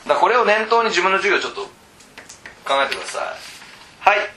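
A man training teachers in a casual lecture, chatting with the room, asking questions and swinging between loud and hushed. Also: sits high, big pitch swings, a little fast, slight background noise. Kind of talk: lecture to tutors. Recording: roomy echo.

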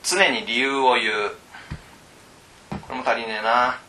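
A man training teachers in a casual lecture, chatting with the room, asking questions and swinging between loud and hushed. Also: medium pitch, steady tone, unhurried. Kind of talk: lecture to tutors. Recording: roomy echo.

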